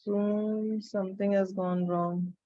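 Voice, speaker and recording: A woman's voice: medium pitch, level tone, slow, warm tone. A woman with an Indian accent teaching chemistry in an online class, captured in a screen recording, calling on students by name and checking they follow. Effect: screen-recorded online class audio. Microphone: video call computer mic. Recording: dull lo-fi video call audio.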